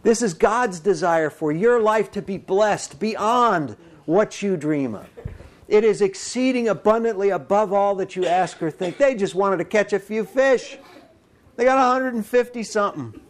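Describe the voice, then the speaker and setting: A man preaching a sermon, animated and folksy, acting out little voices and dialogue as he speaks. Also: sits high, measured pace. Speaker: pastor.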